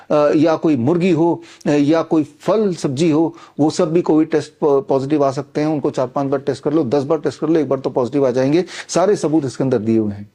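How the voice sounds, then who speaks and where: Insistent middle-aged man with a mellow voice. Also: fairly high pitch. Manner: insistent, combative, many "uh" fillers. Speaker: author promoting his books and a training program. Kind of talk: persuasive direct-to-camera monologue.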